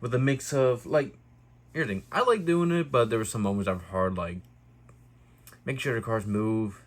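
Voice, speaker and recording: Brief: male vlogger, mid-pitched, rambly and self-correcting, casual hobby review. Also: moderate pace. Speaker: YouTube diecast reviewer.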